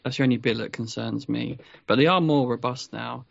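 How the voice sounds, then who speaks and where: A man chatting as a podcast co-host, measured and pausing with ums. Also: medium pitch, vocal fry, dry recording. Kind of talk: casual chat. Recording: dry, slightly muffled.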